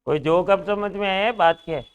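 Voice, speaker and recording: A male teacher with a Rajasthani accent runs a lively class, bantering and teasing students between problems. His voice sits high and rings smooth and clear. He talks in a classroom full of students. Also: brisk. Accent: Rajasthani Hindi. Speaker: reasoning teacher.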